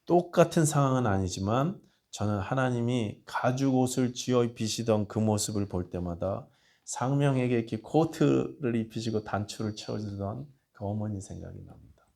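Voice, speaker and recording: A man's voice: medium pitch, normal speed, gravelly. A man preaching a sermon as pastor, telling a personal story and pleading with his congregation. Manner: storytelling, dropping to a hushed voice for tender quotes and rising to loud appeals.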